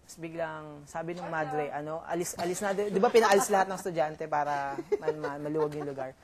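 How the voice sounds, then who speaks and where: A young man with a Filipino accent telling a story in casual chat, halting with many fillers and restarts. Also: on the high side, a crowd in the background. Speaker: reality show housemate.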